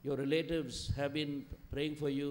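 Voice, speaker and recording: A man's voice: a little high, flat delivery, very slow, a little mellow, slight background noise. A man preaching a sermon in short lines, stopping after each one for his interpreter, his voice rising and falling as he pleads. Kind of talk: sermon in English with live interpretation.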